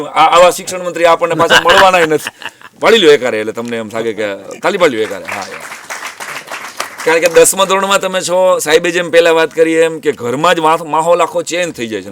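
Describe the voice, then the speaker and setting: A man, a teacher speaking to students and parents, telling anecdotes in a lively storytelling way. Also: fairly high pitch, no room sound. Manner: lively storytelling, drops to a hush when acting out whispers.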